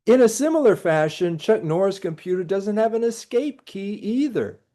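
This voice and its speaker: A man's voice: sits high, lively intonation, normal speed, mellow. A middle-aged man, a college professor, giving a recorded lecture with dry, sarcastic jokes. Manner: dry jokey asides, sarcastic.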